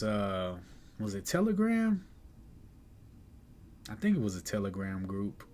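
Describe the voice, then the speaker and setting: A man's voice: lowish voice, a little hiss or hum. A young man hosting a day trading livestream, chatting casually in a laid-back, slangy way and chuckling now and then. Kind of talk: casual live-stream chat.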